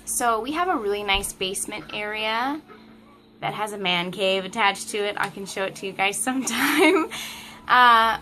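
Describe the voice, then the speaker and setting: Bright-voiced chatty mom vlogger. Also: female voice, mid-range voice, slight background noise. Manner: chatty, laughs often, breaks off to talk to her toddler. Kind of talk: casual chat to camera. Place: family home, indoors.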